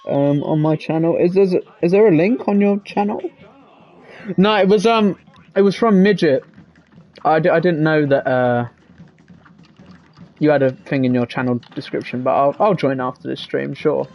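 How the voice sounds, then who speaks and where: A man's voice: a little high, normal speed, long pauses, darkish tone. A man, live-streaming a game and chatting casually, rambling as he reads out chat messages. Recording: slightly dull lo-fi mic with faint game music.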